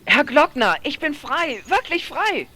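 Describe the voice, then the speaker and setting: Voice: sits high, very animated, unhurried, sharp tone, exaggerated voice. An actor doing a cheeky chubby teenage boy. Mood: chatty. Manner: chatty, boastful, whiny. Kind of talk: radio play acting.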